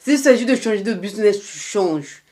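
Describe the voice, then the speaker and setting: Looking straight into the camera, a young woman vlogger offers earnest, repetitive life advice with a touch of faith, her medium-pitched, darkish voice lively at normal speed in this casual motivational talk.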